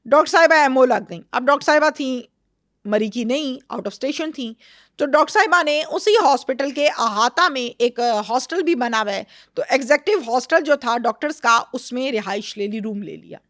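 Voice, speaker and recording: High-voiced woman telling a story. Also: no room sound, studio quality. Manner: animated storyteller, acts out quoted dialogue. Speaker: interview guest. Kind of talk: recounting a crime case in conversation.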